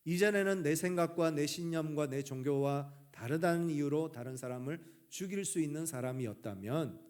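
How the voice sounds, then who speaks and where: A male pastor from the Gyeongsang region preaching a sermon earnestly, letting his sentence endings fall soft and quiet. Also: fairly high pitch, moderate pace. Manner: earnest, trailing off softly at sentence ends.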